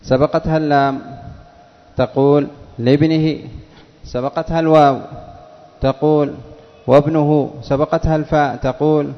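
A male teacher giving a classroom lesson, patiently asking questions and repeating words slowly for his students. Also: on the high side, fairly even intonation. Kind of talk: classroom lesson on Arabic spelling. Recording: dull lo-fi recording, long reverb of a hall.

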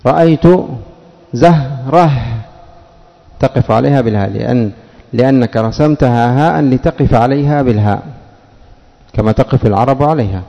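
A man with a dark, mellow voice teaches a grammar lesson. He poses questions and answers them himself, and he draws out the example words slowly. His voice rings with a long reverb. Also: medium pitch, gravelly. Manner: slows and stresses example words. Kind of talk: classroom lesson.

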